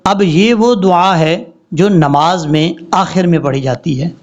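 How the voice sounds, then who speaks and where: A man teaches how to pronounce the prayers, stretching each recited word slowly and carefully. His speech is unhurried, and the recording sounds dull and lo-fi. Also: high voice. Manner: slow drawn-out recitation of Arabic words between quick explanations. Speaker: tajweed teacher. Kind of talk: prayer pronunciation lesson.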